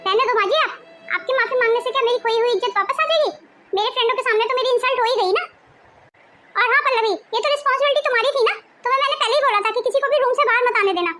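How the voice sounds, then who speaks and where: A woman playing a shrill, sneering young wife. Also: very fast, music in the background. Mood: furious. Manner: sneering and shrill, snapping out insults. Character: haughty, scornful young wife who bullies her in-laws. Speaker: actor in a family drama skit. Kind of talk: melodramatic home-video acting.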